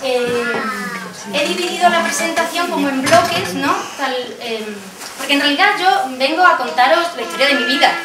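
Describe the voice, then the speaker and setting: High-voiced woman telling stories in an echoey hall. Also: normal speed. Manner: animated, acts out quoted voices, laughs often. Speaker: conference speaker. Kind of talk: lively personal storytelling talk. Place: conference room. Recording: echoey hall, distant mic, background noise.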